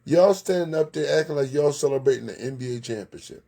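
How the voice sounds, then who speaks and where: A sports show host with a medium-pitched, creaky, mellow voice talks fast through a local sports recap. He chats casually in live commentary, offers blunt opinions, and greets viewers by name.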